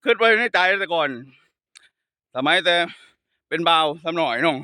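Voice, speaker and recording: A man's voice: on the high side, moderate pace, bright, forceful tone, dry recording, studio quality. A man who is a Buddhist monk, speaking with a Northeastern Thai Isan accent, chatting and joking playfully while walking outdoors up a hill path. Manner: playful, laughs often, teasing storytelling. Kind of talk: casual joking chat.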